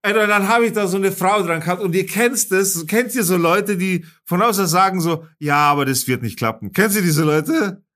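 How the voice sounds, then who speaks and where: A man's voice: high-pitched, normal speed, hardly any pauses, fairly bright tone. A man, a podcast host telling a story in casual, slangy chat and swearing freely.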